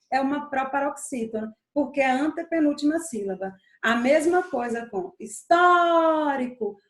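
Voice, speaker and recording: A woman with a high voice teaches a grammar lesson, slowly stretching out the stressed syllables and repeating them so they stick. The sound is roomy, with a clear echo around her. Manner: stretches stressed syllables, slow emphatic repetition.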